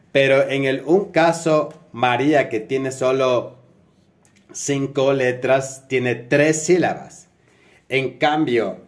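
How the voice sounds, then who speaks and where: A man from Ecuador, a spelling teacher, explaining grammar rules step by step in a video tutorial and checking in with the viewer as he goes. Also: mid-range voice.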